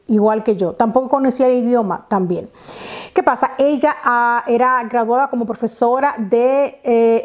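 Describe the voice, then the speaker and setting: Dominican woman in her thirties, casual vlog storytelling, fairly high voice, mellow tone, lapel mic at home. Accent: Dominican Spanish. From Dominican Republic. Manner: chatty, animated hand gestures, many fillers and restarts. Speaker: vlogger. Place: living room at home, indoors.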